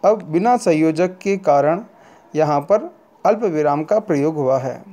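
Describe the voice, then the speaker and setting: A man teaching a grammar lesson to students, speaking deliberately and often repeating or correcting his phrases as he goes. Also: on the high side, animated, warm tone. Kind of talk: slow Hindi grammar lesson.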